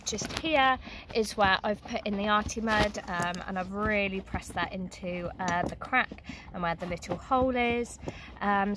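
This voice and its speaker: A woman, hosting a casual product review vlog outdoors at a stable, filmed on a phone at arm's length, chatty with many ums. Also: mid-range voice. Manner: chatty, lots of ums and uhs. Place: outdoors at a stable yard and field. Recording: outdoor noise behind the voice.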